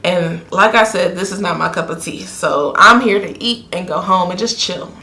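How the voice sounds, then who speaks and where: A young woman, telling a casual story time in a chatty, animated way full of fillers. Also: fairly low pitch, moderate pace. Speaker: vlogger. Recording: roomy echo.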